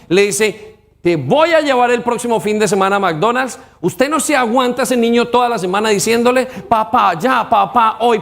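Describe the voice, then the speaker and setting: A man pastor preaching an emphatic sermon in a church, with call-and-response to the congregation. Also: very high voice.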